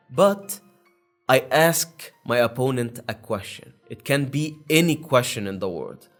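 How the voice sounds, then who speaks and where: A young man talks straight to the camera in a loose, rambling way, stopping and restarting his sentences often. His voice sits in an ordinary middle range. Soft background music plays quietly under his talk. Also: mid-range voice. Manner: rambling, with many fillers and restarts. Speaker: YouTube channel host. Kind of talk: casual monologue to camera.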